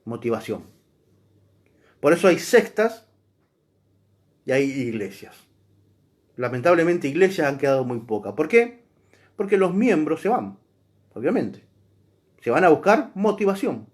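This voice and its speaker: A man teaches a church class. His voice sits a little high for a man, and he speaks emphatically and conversationally, turning often to the listener. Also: sing-song, a little slow, long pauses. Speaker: Bible teacher.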